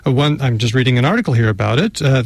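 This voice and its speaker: A man with a mid-range voice hosting a casual radio talk show. He talks in a relaxed, chatty way with frequent fillers. The sound is dry and close to the mic. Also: medium pitch, fast talker, no echo. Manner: relaxed, chatty, many "uh" fillers, reads items aloud.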